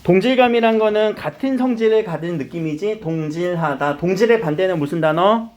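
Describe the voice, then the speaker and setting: A man's voice: high-pitched, brisk, dull audio. A middle-aged man teaching literature to a classroom of students, explaining terms and quizzing them as he goes. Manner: lively, questioning the students often. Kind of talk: classroom lecture.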